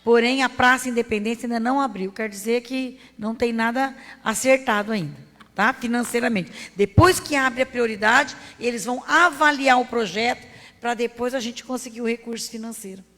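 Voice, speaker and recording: A woman mayor with a Brazilian accent from Paraná, answering a question in brisk, factual terms. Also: a little high, fairly bright tone. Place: city council chamber. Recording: reverberant council chamber PA.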